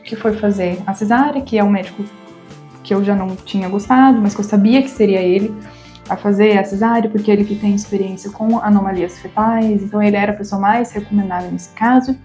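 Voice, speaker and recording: Speaking in a mellow, medium-pitched voice, this vlogger is a woman in her thirties with a Brazilian Portuguese accent. She recounts her personal story to the camera, sometimes emotional and stammering, and imitates the voices of those she quotes.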